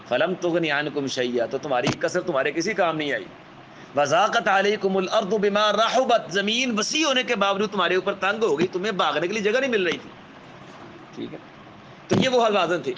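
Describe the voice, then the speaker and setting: Man lecturing on religious history, a bit high pitched, slow storytelling, keeps checking in with the listeners, faint hum behind. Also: a bit bright, dull audio. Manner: measured, keeps adding a checking "alright?" tag; vivid storyteller, acts out quoted speech. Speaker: Islamic scholar lecturer.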